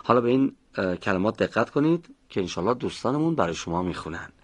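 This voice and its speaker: Deep-voiced man teaching letter pronunciation. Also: expressive. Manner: methodical, explains mouth positions step by step; models sounds slowly and calls on students. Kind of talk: recorded pronunciation lesson.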